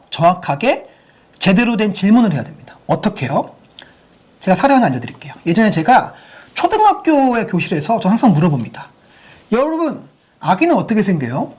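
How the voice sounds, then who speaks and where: A woman's voice: medium pitch, sing-song, a little fast, darkish tone, breathy edge. A woman giving a sex education lecture to parents, using many rhetorical questions to the audience.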